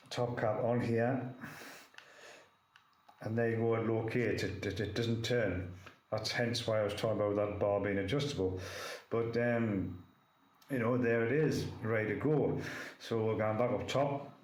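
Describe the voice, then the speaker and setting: A vape reviewer with a chesty cold casually demonstrates vape gear hands-on, rambling with many fillers. His voice is fairly low, steady, and a little mellow, at normal speed with long pauses, recorded in an echoey room with faint noise.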